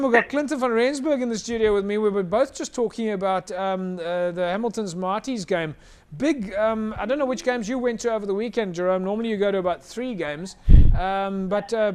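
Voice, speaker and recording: A man's voice: high-pitched, clear, resonant tone. A South African man hosting a live rugby show, presenting casually in a chatty, hesitant way.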